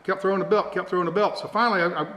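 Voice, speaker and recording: Rapid-fire and high-pitched, the middle-aged host of a DIY build vlog keeps a steady, fairly bright tone. His hands-on show-and-tell wanders casually and folksily, full of self-deprecation. It was captured on a camera mic in an echoey room, with faint noise underneath.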